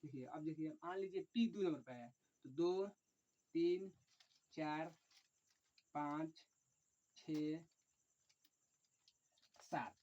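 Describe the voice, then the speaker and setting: A man teaching an online chemistry lesson, dictating slowly and repetitively, often saying "look" and counting aloud. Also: on the high side, warm tone. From Bihar, India. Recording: dull lo-fi recording.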